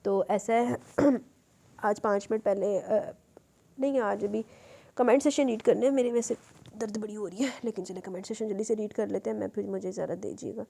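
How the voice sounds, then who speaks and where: A woman's voice: medium pitch, a little fast, vocal fry. A woman narrating a romance novel aloud and then chatting casually while reading listener comments. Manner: chatty, relaxed with fillers. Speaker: novel reader and channel host.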